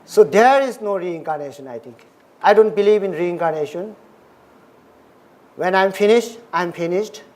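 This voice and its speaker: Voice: medium pitch, animated, moderate pace, long pauses, darkish tone. A speaker from Nepal, giving a dharma talk in short, simple, repeated English phrases. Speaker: Buddhist lecturer.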